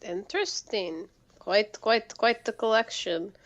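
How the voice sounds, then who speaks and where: A woman playing a tabletop role-playing game, speaking casually in character with halting, polite phrasing. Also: mid-range voice, a bit bright, lo-fi sound.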